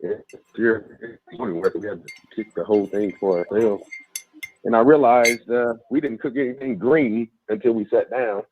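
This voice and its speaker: Man, caller, low voice, easygoing chat, dull breaking-up phone line. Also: normal speed. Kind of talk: casual call-in chat.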